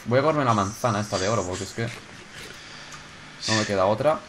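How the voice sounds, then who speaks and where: Excitable gamer narrating his game. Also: fairly low pitch, brisk, noisy background. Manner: excitable, swears, shouts when startled. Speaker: gaming YouTuber. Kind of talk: casual gameplay commentary.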